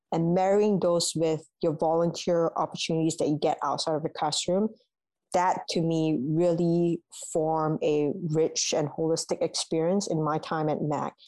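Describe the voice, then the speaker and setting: A young woman from Malaysia, a university alumna answering interview questions in a measured, thoughtful way, with ums and restarts. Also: low voice, darkish tone, no echo, rough recording. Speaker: guest, alumna.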